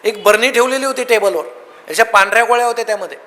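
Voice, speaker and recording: A man giving a humorous motivational speech, telling lively comic anecdotes to an audience. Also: high-pitched, fast talker. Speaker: motivational speaker. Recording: long hall reverb.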